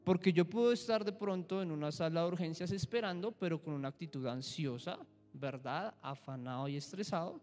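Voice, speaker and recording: Young man, church teacher; lively Q&A Bible lesson, echoey hall. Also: a little high, brisk. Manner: asks the group questions, acts out examples. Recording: echoey hall with faint music.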